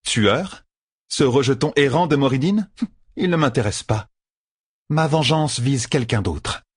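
A man's voice: medium pitch, animated, a little slow, husky, no echo, clean studio sound, voice pushed up. A man voicing a haughty, scheming woman sorceress who speaks arrogantly and possessively in an audiobook. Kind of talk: audiobook character voice.

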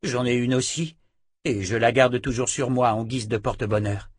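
A man's voice: medium pitch, steady tone, normal speed, dry recording, clean studio sound, lightly acted. A man voicing a big, friendly blond man offering help.

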